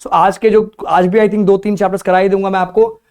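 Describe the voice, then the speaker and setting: A man's voice: high-pitched, flat delivery, brisk, a little mellow, clear, resonant tone. A young Indian man giving a law exam revision lecture, switching between Hindi and English, repeating key terms and acting out his students' questions. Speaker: law teacher.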